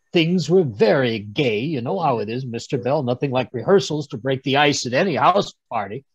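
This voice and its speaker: On a group video call from a room at home, a man plays a genial, fussy older English gentleman in the style of old-time radio drama. His husky voice sits on the high side, and he chattily recounts his adventures, chuckling, rambling and dropping stammered asides. The audio is dull and dry with no room sound.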